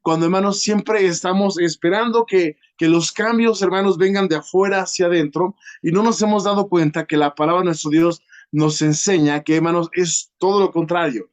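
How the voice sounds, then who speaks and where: A man preaching a sermon as a guest preacher. He is earnest, constantly addresses the congregation directly, and leans on pauses and filler sounds. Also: high-pitched, fairly even intonation. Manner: peppers nearly every phrase with a direct address to the congregation.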